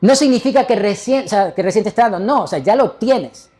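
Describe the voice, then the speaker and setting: A man's voice: high voice, expressive, a little fast, warm tone. A male pastor delivering a sermon, preaching emphatically and putting rhetorical questions to the congregation.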